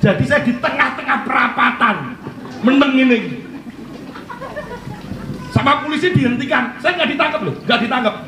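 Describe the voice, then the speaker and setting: A Javanese-accented male pastor preaching with a high, light voice and chatty, laughing storytelling. He is heard from some distance in an echoey hall, with faint room noise. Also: moderate pace, long pauses. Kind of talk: sermon with humorous anecdotes.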